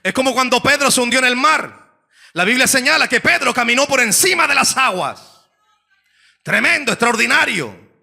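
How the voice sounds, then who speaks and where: A male pastor preaching an evangelical sermon, moving between hushed asides and shouted climaxes and calling for amens from the congregation. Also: very high-pitched, animated, normal speed, vocal fry.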